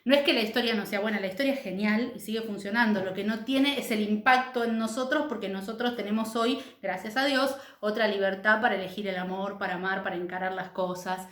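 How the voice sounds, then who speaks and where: A woman's voice: medium pitch, fairly even intonation, brisk, hardly any pauses, a bit bright. Argentine woman teacher in echoey room. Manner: explanatory, checks in with frequent "¿sí?". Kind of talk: recorded class lecture.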